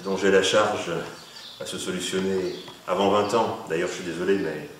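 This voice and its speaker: Guy doing a humble wry investigator, low voice, far off in a big cathedral echo. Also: fairly even intonation, normal speed. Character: man, investigator visiting an old mentor, modest and wry. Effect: cathedral echo, voice ringing from some distance in a vast hall. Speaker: investigator on a case. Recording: cathedral-like echo, off mic, faint noise.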